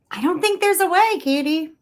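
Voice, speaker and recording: A woman in her thirties hosting a casual chat, chatty and expressive, laughing often. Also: extremely high pitch. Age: 30s. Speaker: host. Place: home room with neon light.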